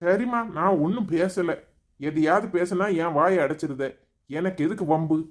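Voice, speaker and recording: Guy doing a soft-spoken young husband, tirunelveli tamil, highish, begs his mom to calm down. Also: normal speed, natural voice. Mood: pleading. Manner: pleading, gentle. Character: mild young husband, peacemaking son.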